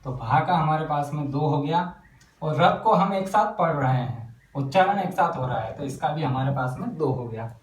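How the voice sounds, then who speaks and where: A man teaching a lesson on counting syllables in verse, speaking slowly and breaking words into syllables as he writes them out. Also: fairly high pitch, animated, echoey room, distant mic, rough recording. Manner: slow, spells out syllables while writing. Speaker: Hindi poetry teacher. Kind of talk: whiteboard lesson.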